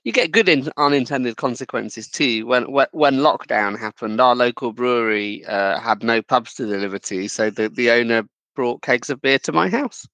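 A man's voice: mid-range voice, moderate pace, hardly any pauses, a bit bright, dry recording. A man hosting a casual tech podcast, wry and full of restarts. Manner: hesitant restarts, wry humor. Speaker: podcast host.

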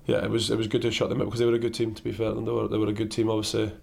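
Croaky-voiced man in a post-match interview. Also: on the low side, completely flat delivery, a little mellow. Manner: halting, repeats words and restarts. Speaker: caretaker player-manager.

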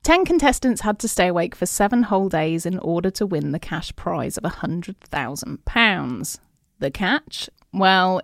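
A woman's voice: on the low side, no echo. Woman podcast host, laughs a lot, reads notes, dead dry sound. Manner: giggly, laughs often. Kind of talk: reading notes mixed with casual chat.

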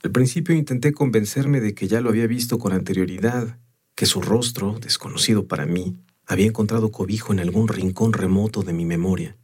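A man narrating a story in the first person in a measured, unhurried way. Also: fairly low pitch, a little mellow, husky. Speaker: audiobook narrator.

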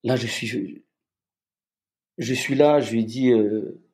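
A man, a soldier, telling a personal story in a halting way, with many repeated restarts. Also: mid-range voice, a little mellow.

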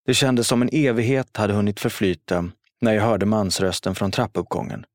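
A man reading a first-person story aloud in a steady, solemn manner. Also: on the low side, dry recording, clean studio sound. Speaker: narrator.

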